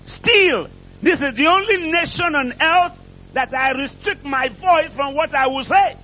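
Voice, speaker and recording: A visiting preacher from outside England delivers an impassioned prosperity sermon from a church pulpit to the congregation. His very high, sharp voice is unhurried but emphatic and declamatory, full of short repeated phrases and rhetorical questions. The recording quality is low.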